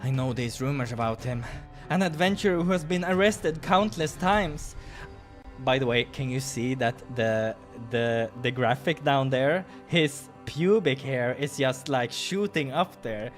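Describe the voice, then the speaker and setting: Unhurried but animated, this man's mid-range voice carries a visual novel playthrough he hosts. He reads the story with theatrical, playful reactions, and music sits under his voice.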